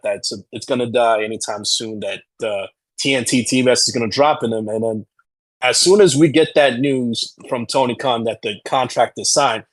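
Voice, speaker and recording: A man co-hosting a podcast, giving opinionated conversational commentary, halting and repeating phrases as he stresses his points. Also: mid-range voice, dry recording, low-quality recording. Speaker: podcast co-host.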